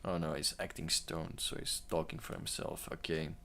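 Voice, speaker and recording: Casting: male streamer, deep voice with heavy vocal fry, casual rambling commentary on posts he reads out. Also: level tone, normal speed, pushed and bright. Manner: rambling, reads posts aloud then adds offhand asides. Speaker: streamer reading online posts aloud.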